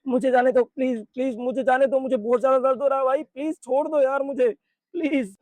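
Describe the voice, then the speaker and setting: A man's voice: high-pitched, fairly quick, darkish tone, no room sound, lightly acted. A man doing a crude teenage school bully. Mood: pleading. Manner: crude insulting taunts, then begging when hurt.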